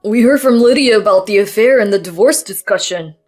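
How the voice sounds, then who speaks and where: A woman's voice: mid-range voice, a little fast, darkish tone, faint music behind, close to an everyday voice. A woman doing a stern disappointed older father.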